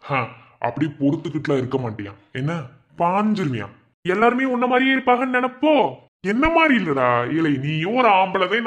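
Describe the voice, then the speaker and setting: A man's voice: fairly high pitch, natural voice. An actor playing a scheming, vengeful village man who talks in threats. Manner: menacing, confrontational. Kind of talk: TV serial acting.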